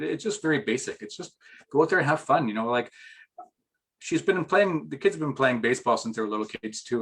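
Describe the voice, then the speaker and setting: A man's voice: medium pitch, a bit bright. A middle-aged man as an interview guest, chatting casually and rambling with restarts, getting emotional at times.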